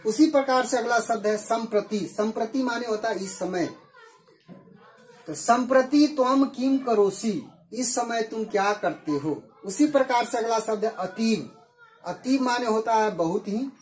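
A woman's voice: on the high side, lively intonation, a little slow, a little mellow. A woman teaching a Sanskrit lesson, methodically working through each answer and repeating it in Hindi. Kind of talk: slow explanatory lesson.

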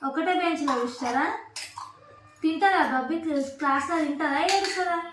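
High-voiced woman. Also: brisk, noisy background. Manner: coaxing, questioning children in a sing-song way. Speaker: vlogger and mother. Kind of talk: casual home vlog chat. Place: home, children playing with toy kitchen sets. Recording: echoey room, voice from a distance, loud clattering of toy dishes.

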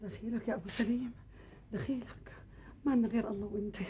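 A woman's voice: fairly high pitch, fairly even intonation, fast, warm tone, husky. An actress playing an anxious middle-aged Damascene mother with a Damascene accent, speaking in a fearful, pleading way. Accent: Damascene Arabic.

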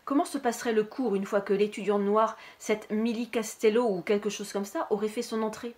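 A woman reading a novel aloud in a calm, steady narrating voice. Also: mid-range voice, fairly quick. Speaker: reader.

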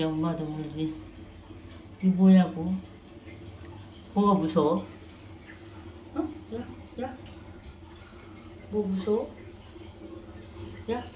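A woman's voice: fairly low pitch, warm tone. A woman talking casually to her pet cat at home, teasing and coaxing it with repeated short questions and sighs. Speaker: pet owner. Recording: echoey room with faint noise.

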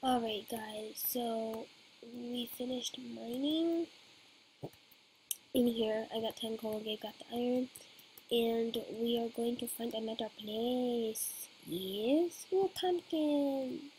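A woman's voice: fairly high pitch, fairly even intonation, takes it slowly, darkish tone, a little hiss or hum, rough recording. A woman hosting a game let's play, talking hesitantly and rambling with many fillers into a computer mic. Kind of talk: casual gameplay commentary.

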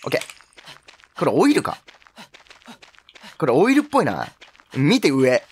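Jumpy, wildly animated male game commentator. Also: fairly high pitch, normal speed, husky. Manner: jokey, yelps and exclaims at scares. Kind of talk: horror game let's play commentary.

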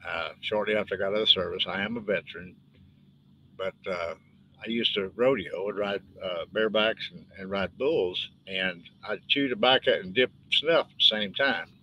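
An older author with a West Texas twang chats loosely about his books during a live stream, meandering in a homespun manner. He speaks at a moderate pace in a lowish voice. The recording loses its highs and carries a little hiss or hum.

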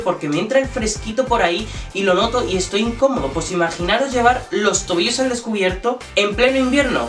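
Young man, slightly high voice, chatty animated haul vlogger, echoey room with music behind. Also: recorded from a distance. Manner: chatty, animated, jokey asides. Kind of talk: casual haul vlog. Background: background music.

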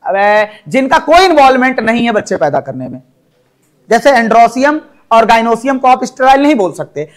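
Man, biology teacher, coaxing lecture, constant questions to students. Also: very high voice. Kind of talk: classroom lecture.

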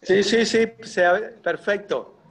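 A man's voice: high voice, slow pace, gravelly, fairly bright tone. A middle-aged man moderating an informal online forum, speaking hesitantly and groping for words. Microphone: earbud headset on a video call.

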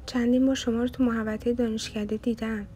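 A woman's voice: fairly high pitch, flat delivery, mellow, a little hiss or hum, close to an everyday voice. Woman voicing a polite young female student. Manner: polite, apologetic.

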